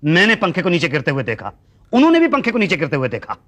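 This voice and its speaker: A polite deadpan teacher. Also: male voice, a little high, quick pace, exaggerated voice. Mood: earnest. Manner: politely deadpan, explains patiently. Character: polite, long-suffering middle-aged male teacher. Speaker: history teacher seeking his degree. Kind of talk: sitcom acting.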